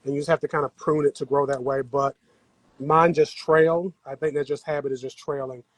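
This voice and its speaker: Poor audio with no room sound captures a man's fairly high voice, fairly even in intonation and fairly quick. He chats with viewers as he works the soil on his patio during a casual gardening livestream.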